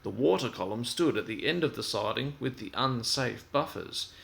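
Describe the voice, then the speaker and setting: A man reads a children's story aloud with expressive storytelling flair. He uses a medium pitch and normal speed, and his voice has vocal fry.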